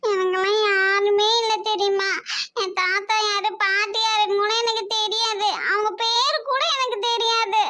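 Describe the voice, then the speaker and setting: A woman voicing a shrill, sulky, quarrelsome young woman in a cartoon family drama, with a complaining, argumentative way of talking. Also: level tone, a little slow, sharp tone, dry recording, heavily acted.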